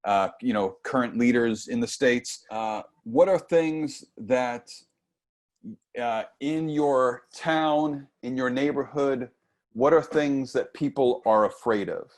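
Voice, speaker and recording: This is a forties-aged workshop leader guiding young writers on a video call, his earphone mic picking up a slow, medium-pitched voice. He stays loose and chatty, leaning on frequent fillers, while sitting in a bookshelf-lined room at home.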